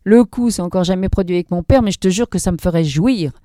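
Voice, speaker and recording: A man's voice: high voice, fast, dark tone, dry recording, studio quality, lightly acted. A woman voicing a cruel young gang leader who sneers and hurls insults. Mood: scornful.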